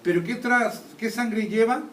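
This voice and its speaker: Unhurried and high-pitched, a man teaches anatomy in a classroom lecture, constantly checking understanding by quizzing his students. The taping is distant, the room echoey, and faint noise is audible.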